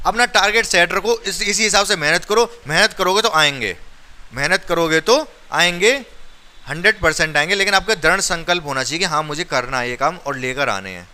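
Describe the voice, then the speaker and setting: A man's voice: fairly high pitch, brisk, bright, forceful tone. A male maths teacher teaching a class step by step, counting aloud and urging his students. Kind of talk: classroom lesson.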